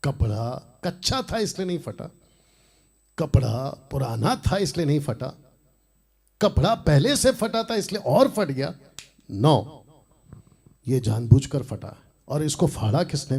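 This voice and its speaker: A man preaching a sermon, fiery and defiant, swinging between loud emphatic lines and hushed asides. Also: a little high, sing-song, a little slow, creaky, breathy edge. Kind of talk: Hindi sermon teaching.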